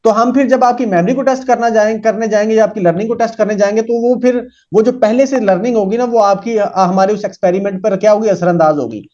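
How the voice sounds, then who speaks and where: A man teaching a psychology lesson. He reads English lines slowly and explains them with many fillers. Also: sits high, darkish tone. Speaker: psychology lecturer. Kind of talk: lecture reading English text and explaining in Urdu-Hindi. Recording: dull lo-fi recording.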